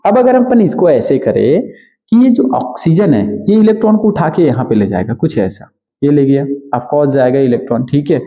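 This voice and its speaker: A man teaching a chemistry lecture. He asks questions and answers them himself, repeats key terms, and drags key words out slowly. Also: fairly high pitch, very animated, mellow, dull audio. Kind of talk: exam-prep lecture.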